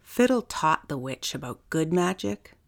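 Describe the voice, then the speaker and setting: Woman storyteller, low and husky-gravelly, calm bedtime read. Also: unhurried. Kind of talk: children's story reading.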